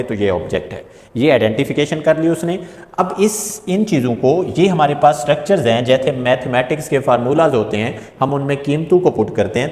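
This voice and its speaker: A man teaching a spoken English lesson, spelling words out letter by letter and stating rules slowly and deliberately. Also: medium pitch, darkish tone. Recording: echoey room with long reverb.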